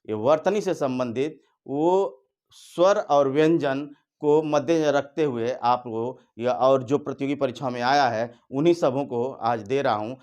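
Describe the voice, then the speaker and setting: A male teacher giving an exam-prep grammar lesson at a board, repeating key definitions slowly and telling students directly what to remember. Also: mid-range voice, a little mellow. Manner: addresses students directly with instructions.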